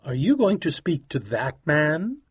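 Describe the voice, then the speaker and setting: A man voicing a reserved, polite young gentleman in an audiobook, speaking with restraint. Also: fairly high pitch, very animated, unhurried, slightly rough, no echo, heavily acted. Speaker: Winterbourne. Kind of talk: audiobook dialogue acting.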